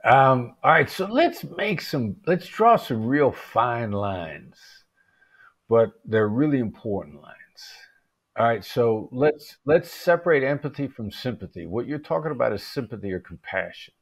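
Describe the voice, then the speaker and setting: A man as an interview guest, explaining calmly and in measured terms, with occasional restarts. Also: medium pitch. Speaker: interview guest, negotiation expert.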